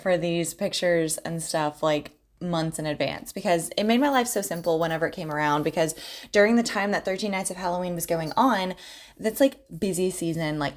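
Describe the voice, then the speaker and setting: A young adult woman talking casually while she goes through her planner, rambling with lots of fillers and giggles. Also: deep voice. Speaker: planner vlogger and balloon entertainer. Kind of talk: casual chatty narration.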